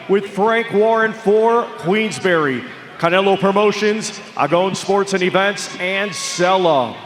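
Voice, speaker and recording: A high-voiced man announces fighters in the ring with lucha libre flourish, stretching names into long booming calls. His delivery is slow and measured, and it echoes around a big arena over a noisy crowd. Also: fairly bright tone. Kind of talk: formal ring introductions to the crowd. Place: large indoor boxing arena. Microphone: ring announcer's microphone over PA.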